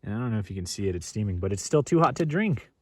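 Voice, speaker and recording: Very animated and talking very fast, a man with a fairly low, slightly mellow, slightly rough voice chats to the camera while cooking and camping at a campsite. The recording is dry, though the outdoor ambience is noisy.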